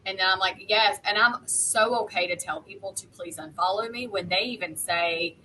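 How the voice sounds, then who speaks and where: A woman's voice: mid-range voice, moderate pace, pushed and bright, a little hiss or hum, rough recording. A woman talking frankly and matter-of-factly in a casual group discussion. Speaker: online content creator and panelist.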